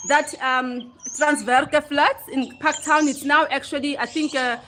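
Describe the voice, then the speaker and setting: Bright-voiced South African woman livestreaming. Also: high voice, fairly even intonation, measured pace, a little hiss or hum. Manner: chatty, greets viewers by name, laughs often. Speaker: livestream host. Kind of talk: casual livestream chat. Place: outdoors at home.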